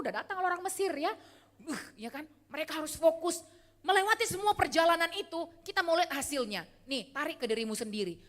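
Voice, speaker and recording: A woman's voice: on the high side, a bit bright. A woman preacher giving a chatty, teasing sermon, often asking the congregation for replies. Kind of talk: lively sermon. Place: church hall. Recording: hall reverb.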